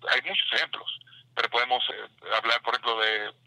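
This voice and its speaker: A man talks as a baseball analyst in an interview segment, earnest and emphatic. His voice is strikingly bright, and the recording is dry and close. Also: medium pitch, fairly even intonation, brisk, no room sound, poor audio. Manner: earnest, emphatic about pronunciation.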